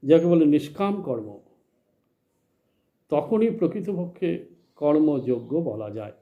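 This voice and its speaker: A man teaching a spiritual lesson in a measured, explanatory way, asking questions and then answering them himself. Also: fairly high pitch, expressive, phone-quality sound. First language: Bengali. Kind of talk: slow spoken religious lecture.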